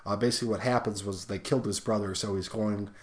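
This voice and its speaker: A young man with a lowish voice rambles through a casual podcast conversation, swearing freely and trailing off into side thoughts. His talk is loose and unscripted. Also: steady tone. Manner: profane, rambling, fast asides. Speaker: podcast co-host.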